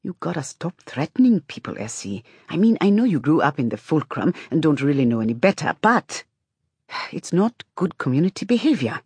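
A woman's voice: low-pitched, very animated, brisk, a little mellow, slightly rough, dry recording, heavily acted. A woman voicing a long-suffering, plain-spoken woman leader in audiobook dialogue, exasperated and candidly scolding. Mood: weary scolding.

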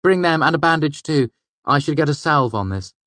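A man reading an audiobook, voicing a quick, mischievous young male companion who speaks urgently. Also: a little high, animated, fairly bright tone, no room sound, voice pushed up. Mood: brisk. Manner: quick, urgent, hissing when secretive.

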